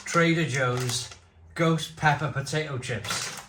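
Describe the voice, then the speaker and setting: A man giving a casual, unscripted review at home, talking haltingly and repeating his phrases. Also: fairly high pitch. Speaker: food and beer reviewer. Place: home conservatory. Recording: roomy echo, faint background noise.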